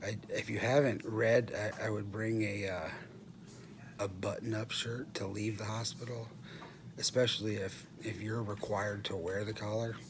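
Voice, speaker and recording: A middle-aged man talks casually and haltingly about himself in a subdued way, often clearing his throat, as a patient giving an update from a hospital room. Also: lowish voice, steady tone. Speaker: patient recording a post-surgery update. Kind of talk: casual vlog monologue. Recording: clearly noisy room ambience.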